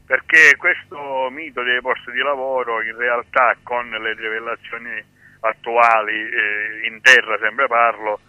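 A man, a guest activist speaking over the phone on a radio show, explaining his points with frequent pauses and restarts. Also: mid-range voice, flat delivery, dry recording. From Sicily. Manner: hesitant, many fillers and restarts, explanatory. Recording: tinny phone line.

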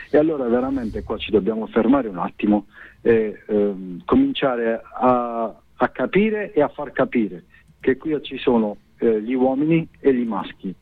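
A man giving a spontaneous radio interview as a guest, speaking earnestly and haltingly. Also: medium pitch, dry recording. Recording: thin, phone-like line.

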